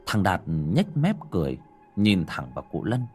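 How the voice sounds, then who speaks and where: Man, horror story narration, husky, low voice, lively, dramatic. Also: normal speed, faint music behind.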